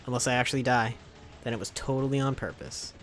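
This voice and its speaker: A man's voice: mid-range voice, fairly even intonation, fast, fairly bright tone, soft background music. Wry man streaming a game. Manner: wry, self-mocking, muttering asides. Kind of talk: live stream gameplay commentary.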